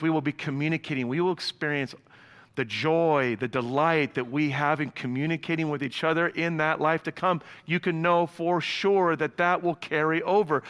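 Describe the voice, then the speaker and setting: A male pastor preaching a sermon, animated, with sudden loud peaks, quiet drops and casual slang asides to the congregation. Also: a little high, big-room sound.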